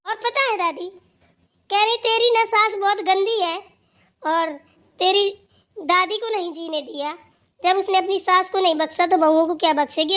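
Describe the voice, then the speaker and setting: A woman's voice: very high voice, a bit bright. A woman voicing an earnest young daughter-in-law in a cartoon who pleads her case to her grandmother-in-law. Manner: earnest, pleading and defending herself. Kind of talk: cartoon voice acting.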